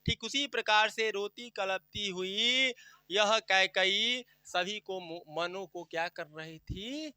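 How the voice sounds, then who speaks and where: A man with a high, very bright voice teaches a class, explaining a poem line by line. He keeps asking questions and answering them himself. The sound is dry and close, with no room echo. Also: clear, resonant tone. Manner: recites verse slowly and drawn out.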